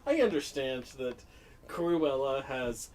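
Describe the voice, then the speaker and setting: A man's voice: mid-range voice, animated, takes it slowly, a little mellow, a little hiss or hum. A man with the hiccups chatting playfully as co-host while playing a horror game. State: has the hiccups. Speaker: co-host of a horror gaming show.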